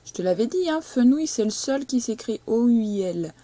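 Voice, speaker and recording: A woman teaching a young child to read, speaking slowly and patiently and stressing each syllable as she dictates. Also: on the high side, animated, warm tone, no echo. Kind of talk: reading and spelling lesson for a young child.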